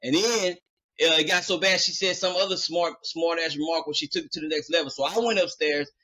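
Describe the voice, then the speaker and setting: A man with a slightly high, brisk voice hosts a podcast, rambling through a long, casual story. He fills it with fillers and brings the quotes to life by acting out the dialogue.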